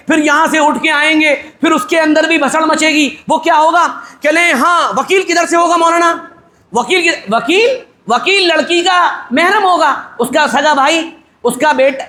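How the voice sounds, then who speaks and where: A middle-aged male cleric preaching at a wedding in a very high, bright voice. He talks with forceful energy and jokes with the crowd. He throws in rhetorical questions and acts out little dialogues. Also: echoey room. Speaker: Islamic cleric officiating a wedding. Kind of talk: wedding sermon, conversational.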